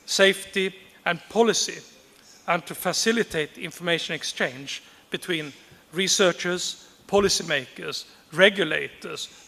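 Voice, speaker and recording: A man giving a formal prepared speech as a conference speaker, measured and deliberate, repeating key phrases for emphasis. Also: on the high side, creaky, bright, forceful tone, long reverb tail.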